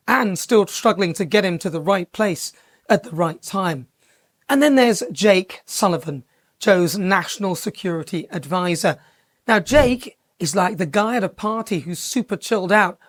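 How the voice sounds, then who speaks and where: A woman's voice: mid-range voice, no room sound, clean studio sound. A woman TV presenter, delivering a scripted satirical monologue in a sarcastic, mocking way.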